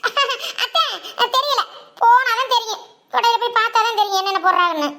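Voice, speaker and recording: Woman doing a shrill scheming village girl. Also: brisk, bright, forceful tone. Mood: complaining. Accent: Tirunelveli Tamil. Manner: shrill, whiny, sing-song complaining. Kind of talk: cartoon voice acting.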